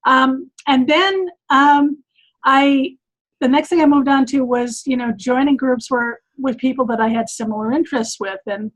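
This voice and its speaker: A woman's voice: high voice, fairly even intonation, moderate pace, rough recording. A woman coach talking casually on a group call, rambling with many ums and restarts. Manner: rambling, lots of fillers and restarts. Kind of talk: casual chat.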